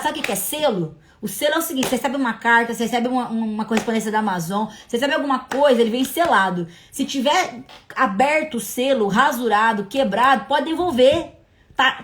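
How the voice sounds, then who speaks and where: A woman from hosting a casual livestream Bible study, talking in an animated, chatty way. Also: high-pitched, a little hiss or hum. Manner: animated, chatty, breaks into laughs. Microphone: livestream mic.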